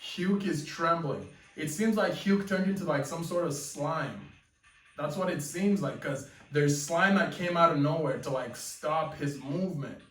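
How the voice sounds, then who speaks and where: A young man reacting live to a webcomic chapter as he reads it, excitedly narrating and exclaiming "yo" often. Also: a little high, unhurried. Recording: echoey room, mic at a distance, faint music.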